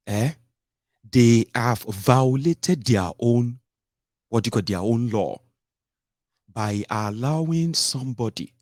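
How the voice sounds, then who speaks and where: A man giving political commentary on a live stream, explaining slowly and adding tag questions. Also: on the low side, dry recording, clean studio sound.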